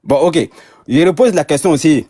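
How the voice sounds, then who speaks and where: Husky-voiced man, hesitant and insistent. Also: fairly high pitch, moderate pace, no echo, clean studio sound. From Côte d'Ivoire. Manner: hesitant, many restarts, rising to loud protest. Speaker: caller in an online debate. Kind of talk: heated online debate.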